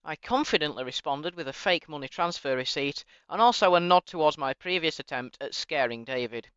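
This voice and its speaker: Bright-voiced man, sarcastic narration. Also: fairly high pitch, a little fast, clean tone, no room sound, highs cut off. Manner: mock-polite, sarcastic and deadpan. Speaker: channel host narrating. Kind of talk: scripted comic narration reading emails aloud.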